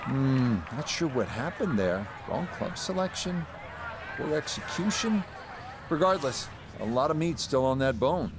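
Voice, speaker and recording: A man acting as a composed TV golf commentator, giving measured, understated play-by-play. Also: mid-range voice, animated, noisy background, natural voice. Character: composed male TV golf announcer. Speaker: golf commentator, lead announcer. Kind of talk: golf commentary in a video game broadcast.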